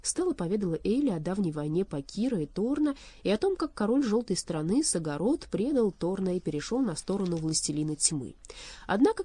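Expressive woman reading a fairy tale. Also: on the low side, husky. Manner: storyteller's rising and falling tone. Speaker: narrator.

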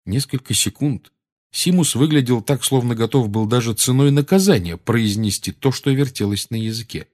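A man narrating an audiobook in a lively storytelling manner. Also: mid-range voice, moderate pace. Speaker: audiobook reader.

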